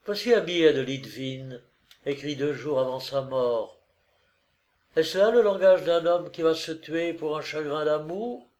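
A man reading aloud and voicing a proud, wounded young noblewoman who answers in a raised, hushed, intense voice. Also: low-pitched, measured pace, pitched above the performer's own voice. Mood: defiant.

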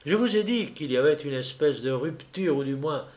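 A man narrating a classic novel as an audiobook, his voice sitting a bit higher than most men's. He reads in a steady, measured way, shaping long old-fashioned sentences with care. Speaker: audiobook reader. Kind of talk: scripted literary narration.

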